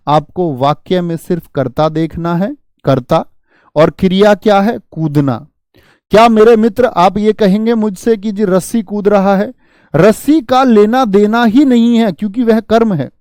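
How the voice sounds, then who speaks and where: A man's voice: sits high, a little slow, a little mellow, clean tone, no echo, clean studio sound. A man teaching a Hindi grammar class, drilling students with rhetorical questions and calling them friends.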